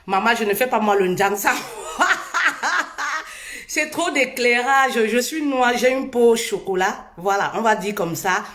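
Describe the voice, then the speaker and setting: Female live host, high and unhurried, animated, echoey room, faint music behind. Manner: sings playfully between greetings; animated, urging viewers. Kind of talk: casual live chat.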